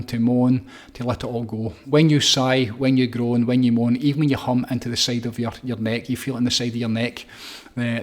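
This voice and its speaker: A middle-aged man with a mid-pitched voice leads a guided breathing session. His delivery is calm and repetitive, walking listeners through each step. He often pauses on fillers and restarts his phrases. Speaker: breathwork coach.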